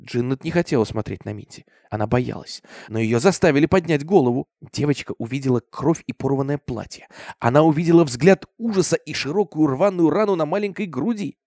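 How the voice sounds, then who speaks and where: A man narrating a horror story with an intense, expressive delivery. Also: on the high side, fairly quick, no echo, clean studio sound. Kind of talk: dramatic horror story reading.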